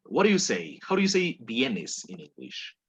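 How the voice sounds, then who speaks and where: A man's voice: medium pitch, huge pitch swings, measured pace, breathy edge. A man teaching a language class, patiently coaxing students through pronunciation drills and repeating words for them to copy. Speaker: English teacher.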